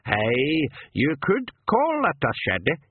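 A man's voice: a little high, wildly swooping pitch, takes it slowly, a little hiss or hum, pitched above the performer's own voice, heavily acted. A man voicing a wily old male pixie with a cracked voice and a sly, hearty Scottish brogue. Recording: narrow phone-like sound.

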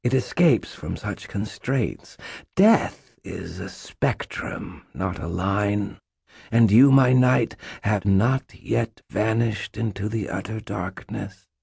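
A cold, imperious faerie queen, put on by a male reader purrs and hisses her words in a husky, unhurried way. Her lines sit higher than the reader's deep voice. The recording is close and dry. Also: a little mellow, no echo, exaggerated voice. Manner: hissing, purring, regal and possessive. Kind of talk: audiobook narration.

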